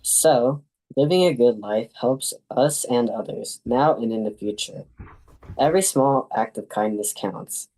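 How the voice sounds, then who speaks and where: A man's voice: medium pitch, unhurried, dark tone, rough recording. A young man reading a prepared talk as a student presenter in a class.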